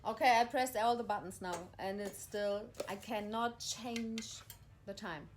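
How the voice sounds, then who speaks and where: A woman's voice: medium pitch, steady tone, measured pace, a little hiss or hum. A woman ranting in exasperation as she reads instructions aloud, repeating herself. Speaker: vlogger. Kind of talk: frustrated vlog monologue reading instructions aloud.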